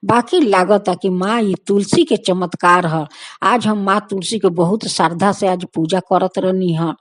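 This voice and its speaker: A woman's voice: medium pitch, fairly even intonation, moderate pace, no echo, lightly acted. A woman doing a devout village mother, imploring. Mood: relieved. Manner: imploring, repetitive pleas.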